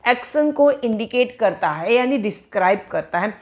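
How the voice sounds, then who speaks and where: A woman's voice: on the high side, expressive, darkish tone. Female Hindi-speaking grammar teacher. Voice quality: slow, careful reading of English example sentences. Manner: explains in Hindi, checks understanding with repeated questions. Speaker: English teacher. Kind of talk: grammar lesson.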